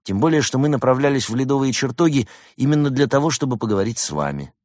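A man voicing a calm, dry-witted young leader. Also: mid-range voice, quick pace, dry recording, voice pushed up, natural voice.

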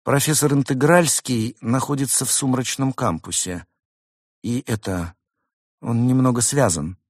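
A man's voice: mid-range voice, measured pace, dry recording, studio quality, pitched above the performer's own voice, natural voice. A man voicing a timid male rabbit in a storybook reading, speaking hesitantly and sheepishly.

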